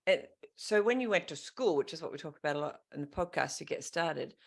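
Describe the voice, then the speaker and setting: A woman's voice: sits low, lively intonation, fairly quick, gravelly. An Australian woman hosting a podcast interview, chatty and encouraging, laughing often. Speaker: podcast host. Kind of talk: casual interview chat.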